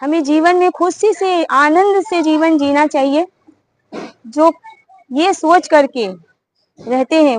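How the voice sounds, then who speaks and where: A woman's voice: high-pitched, slight background noise, poor audio. A woman voicing a clever old bird that mocks and lectures a hunter, in a preachy, scolding tone. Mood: preaching. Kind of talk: storytelling.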